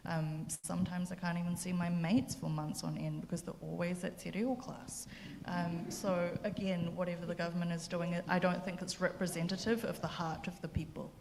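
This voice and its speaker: A woman's voice: fairly low pitch, level tone, normal speed, creaky, a little mellow, big-room sound, a little hiss or hum. A woman speaking passionately in a panel debate, conversational, with fillers.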